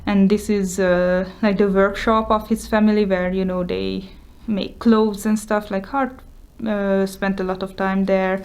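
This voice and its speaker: Showing her journal on camera, a Hungarian-native woman chats casually yet hesitantly, using plenty of fillers. Her mid-range voice is steady and a little mellow, a little slow, with hardly any pauses.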